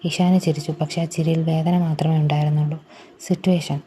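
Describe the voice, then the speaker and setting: Woman narrator, scripted story, low pitch, very dark tone, faint hiss. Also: little pitch movement, fast talker.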